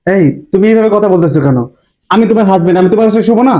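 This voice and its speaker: An actor playing a put-upon young son-in-law back from abroad who pleads and complains. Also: male voice, high-pitched, racing, dark tone, close to an everyday voice. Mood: pleading. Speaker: husband.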